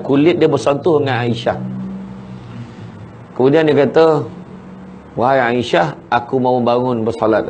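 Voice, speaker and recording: A man's voice: mid-range voice, darkish tone. Man, Malaysian Malay accent, religious teacher, chatty storytelling lecture, faint background hiss. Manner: conversational storytelling, asks listeners "kan?" often. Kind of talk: morning lecture to a congregation.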